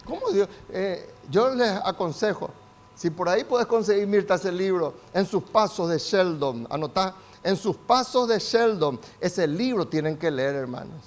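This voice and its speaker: An older man with a Rioplatense Spanish accent, a pastor preaching a sermon with rising, shouted emphasis and calls for amen. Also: high voice, expressive, a little slow.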